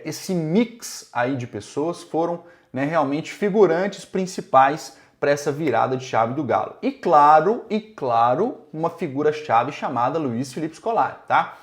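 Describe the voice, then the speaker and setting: A man with a Brazilian accent hosting informal football commentary, speaking to fans in an emphatic, conversational way. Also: on the high side. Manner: emphatic, conversational, often checking with tags. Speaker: football commentator and show host.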